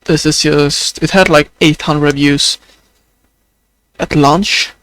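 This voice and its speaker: With no room sound, a young man with a Swedish accent speaks unscripted for his video journal, his voice on the high side, fairly bright and fairly even in intonation. He hesitates, stalls and uses lots of fillers, and people remark that he sounds near tears.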